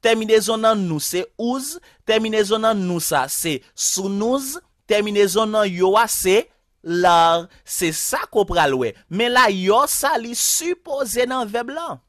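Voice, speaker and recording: A man with a Haitian accent teaching a language lesson online. He explains each rule slowly and repeats it step by step. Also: sits high, expressive, a bit bright, no room sound, studio quality. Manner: slow, repetitive, spells out each rule.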